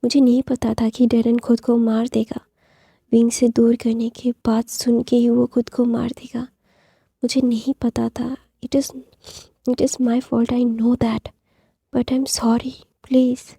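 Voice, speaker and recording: A woman voicing a remorseful mother who pleads for forgiveness, in a soft half-whispered way. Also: a little high, level tone, slow, vocal fry, breathy edge, dry recording, clean studio sound, full character voice. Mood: pleading.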